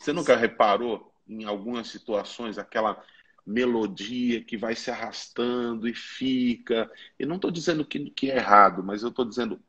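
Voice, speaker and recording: A man, a pastor and musician, teaches through a conversation, laying out his points one by one. His voice is husky and sits at a middle pitch. The audio is slightly dull and lo-fi. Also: normal speed, fairly bright tone. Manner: earnest, explaining step by step.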